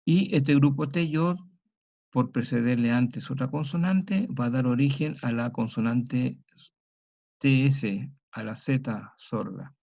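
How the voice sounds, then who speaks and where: A man teaching a historical grammar lecture, slow and methodical, spelling out sounds and examples one by one. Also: medium pitch, vocal fry, a little mellow. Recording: dull lo-fi recording.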